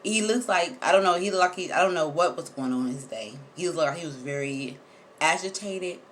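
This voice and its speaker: Animated low-voiced woman telling a story. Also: brisk, slight background noise. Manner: animated, emphatic, repeats words for effect, swears casually. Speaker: vlogger. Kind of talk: personal storytelling to viewers.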